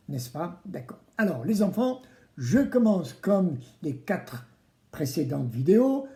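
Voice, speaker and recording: An animated children's craft presenter with a mellow voice that swings widely in pitch. They talk straight to the kids in a playful, theatrical way, asking them to answer back. The room adds a noticeable echo. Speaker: presenter of a children's DIY video series. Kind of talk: children's craft tutorial, addressing kids directly. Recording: roomy, echoing indoor sound.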